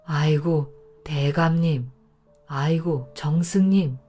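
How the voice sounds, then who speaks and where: A woman's voice: low voice, slow, mellow, faint music behind, voice pushed down. A woman voicing an arrogant young male scholar from the capital who scolds and then begs. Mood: pleading. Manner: haughty scolding, then begging.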